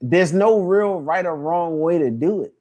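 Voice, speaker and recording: A man's voice: a little high, animated, unhurried, a little mellow. A man in his thirties hosts a casual podcast chat. He talks in a loose, rambling way, full of fillers and restarts. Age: 30s. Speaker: podcast host.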